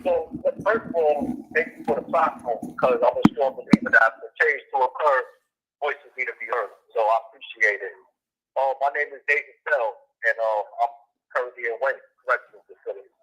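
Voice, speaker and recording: Bright-voiced man calling from prison. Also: medium pitch, slightly rough, lo-fi sound. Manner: earnest, steady and measured. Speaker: incarcerated guest calling in. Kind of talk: earnest explanatory talk. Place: prison telephone call. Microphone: phone handset.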